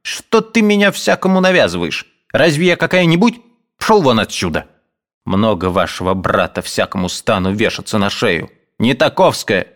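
A man voicing a sharp-tongued woman housekeeper who scolds and snaps. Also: medium pitch, animated, moderate pace, pitched above the performer's own voice, close to an everyday voice. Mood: snapping. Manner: scolding, snapping.

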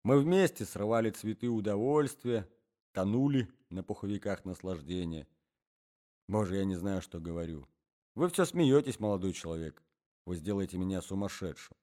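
A man's voice: low-pitched, moderate pace, warm tone, lightly acted. A man voicing a jealous middle-aged man who pleads and laments in an agitated way. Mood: lamenting.

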